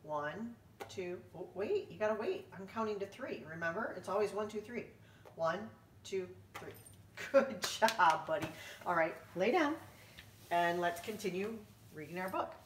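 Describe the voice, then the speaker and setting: A woman volunteer reading a picture book aloud to children, gentle and coaxing, chatting with her dog between pages. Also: mid-range voice, expressive, measured pace, a little hiss or hum. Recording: roomy room, distant mic.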